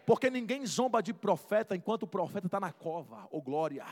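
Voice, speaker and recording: A male pastor delivers a passionate sermon. His voice is high for a man. He sweeps from near-whispers up to ringing shouts, and a long hall reverb trails each phrase. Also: very animated, a little fast. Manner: fervent, swings from hushed to shouting. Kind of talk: preaching sermon.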